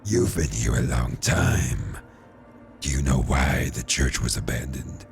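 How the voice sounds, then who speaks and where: A worn-out detective with a guttural, gravelly rasp, as a man puts him on for a game. He drags each word out slowly and very low, with faint music behind. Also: heavily acted. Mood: gruff. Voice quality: gravelly vocal fry. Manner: slow, guttural. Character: gruff worn-out male detective.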